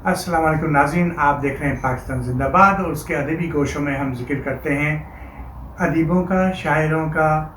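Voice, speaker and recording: A man's voice: on the high side, over music. Formal male host in an echoey room. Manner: formal, measured and admiring. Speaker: show host. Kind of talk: scripted tribute segment. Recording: echoey room with faint noise.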